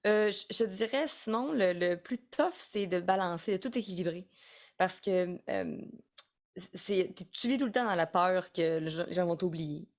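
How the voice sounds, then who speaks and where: With a Quebec French accent and a lowish voice, a young woman speaks at a moderate pace. She's a singer-songwriter chatting casually in an interview, often restarting her words.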